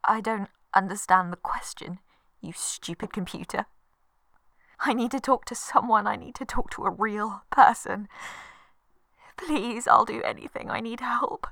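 A woman's voice: medium pitch, normal speed, fairly bright tone, no room sound, close to an everyday voice. An actress playing a desperate mother who swears as she begs for help on a phone line. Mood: pleading. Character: frantic swearing mother on hold.

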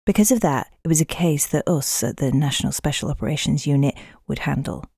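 A woman's voice: low-pitched, fairly quick, gravelly, a little mellow, breathy edge, no echo. A woman with a Yorkshire accent narrating a detective audio drama in a dry, self-mocking way.

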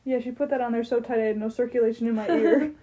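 A young woman in a loose podcast chat among friends, with a slightly high voice. She rambles and swears freely as she talks. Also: fairly even intonation, fast, crowd noise. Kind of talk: casual chat.

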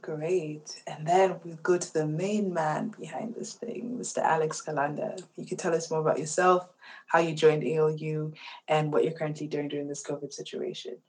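A woman's voice: low-pitched, steady tone, moderate pace, a little mellow, breathy edge, rough recording. A woman hosting a podcast casually, introducing and prompting guests. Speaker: podcast host.

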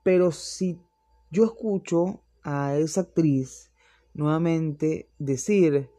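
A man's voice: a little high, slow pace, warm tone. A young man, reviewing series in casual, opinionated chat that rambles and restarts often.

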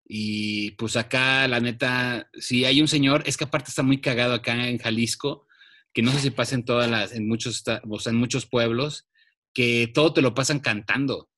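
A man with a Mexican accent co-hosting a casual chat show, laid-back and slangy, with animated bursts. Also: medium pitch. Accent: Mexican Spanish. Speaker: podcast co-host.

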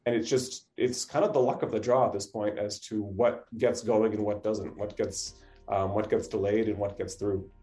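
Mellow-voiced man explaining as guest expert. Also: lowish voice, fairly even intonation, moderate pace, few pauses, soft background music. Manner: informal explaining, often checks with "you know" and "right". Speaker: academic supply chain expert, interview guest. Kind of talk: conversational expert explanation in a radio interview.

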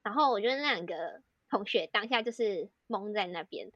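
A woman's voice: mid-range voice, lively intonation, brisk, fairly bright tone, no room sound, lo-fi sound. A young woman from Taiwan with a Taiwanese Mandarin accent, co-hosting a podcast and telling a story in casual chat, full of fillers as she strings sentences together. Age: young adult. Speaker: podcast co-host, student in Korea.

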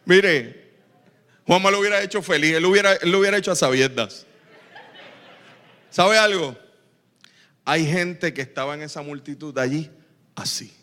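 A man preaching a sermon, telling stories and acting out the shouts of a crowd. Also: sits high, takes it slowly, pauses often. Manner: animated storytelling, acts out crowd shouts. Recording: long reverb of a large hall.

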